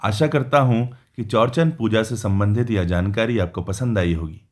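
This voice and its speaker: A man with a somewhat low voice reads a scripted narration. His delivery is even and formal, explaining step by step. It feels like a plainly worded explainer voice-over. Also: moderate pace. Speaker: narrator of a devotional explainer video.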